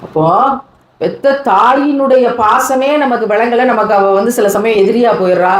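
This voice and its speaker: Woman preacher, fairly high voice, animated sermon delivery, roomy echo. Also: normal speed. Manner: animated, acts out quoted children and mothers. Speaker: Islamic preacher. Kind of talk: sermon addressing young people.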